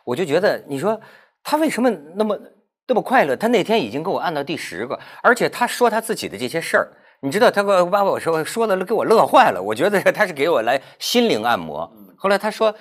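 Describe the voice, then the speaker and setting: Lively, fast-talking storyteller man. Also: on the high side. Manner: animated, halting repetitions, laughs while telling. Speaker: host. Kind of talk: casual chat, storytelling.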